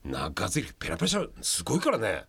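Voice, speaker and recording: Animated joking male radio host. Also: lowish voice, rapid-fire, gravelly, crowd noise. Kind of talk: casual radio chat.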